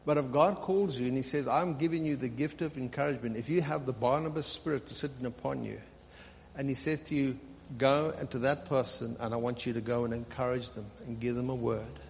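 A medium-pitched male voice moves fairly quickly with fairly even intonation. Preaching as a pastor, he exhorts the congregation in an unscripted teaching style and repeats phrases for emphasis. The live sermon has hall reverb from a large room, with faint hum and noise.

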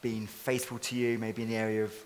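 A man's voice: lowish voice, little pitch movement, brisk, in a large hall, slight background noise. Encouraging man interviewing in church. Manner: encouraging, frequent affirmations.

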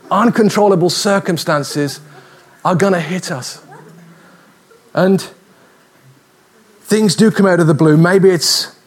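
A man giving a sermon, lively and humorous, with a fairly high pitch for a man. He talks conversationally and builds stories with a light touch. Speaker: preacher. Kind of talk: sermon with storytelling.

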